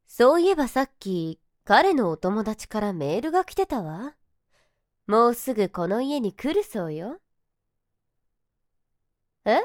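A woman's voice: mid-range voice, darkish tone, dry recording, clean studio sound. A woman playing a sweet-then-cruel motherly tease. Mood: sly. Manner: shifts between sweet coddling and harsh scorn. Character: teasing domineering motherly woman, mocking then soothing. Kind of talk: adult audio role-play.

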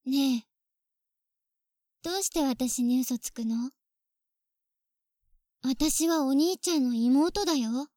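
A woman's voice: high voice, slow pace, pauses often, mellow, no echo, clean studio sound. A woman voicing a clingy, possessive younger sister on a phone call, sweet at first and coldly jealous underneath. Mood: menacing. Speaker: voice actress in phone-call role-play. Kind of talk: phone-call role-play drama.

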